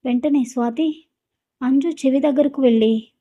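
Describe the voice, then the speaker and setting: A woman narrating a scripted drama story in a steady, even storytelling manner. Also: high-pitched, normal speed, highs cut off.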